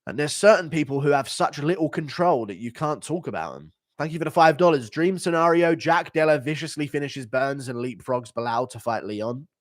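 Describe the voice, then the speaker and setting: Joking, profane livestream host. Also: male voice, a little high, lively intonation, brisk, few pauses, no room sound, clean studio sound. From United Kingdom. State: sick, unwell. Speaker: livestream host reading donations. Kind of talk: casual livestream chat.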